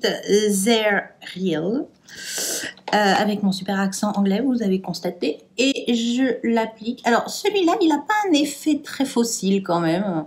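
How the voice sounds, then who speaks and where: A woman's voice: fairly high pitch, a little mellow. A French woman chatting casually through a makeup tutorial, hesitant and trailing off with fillers as she works. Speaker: beauty vlogger.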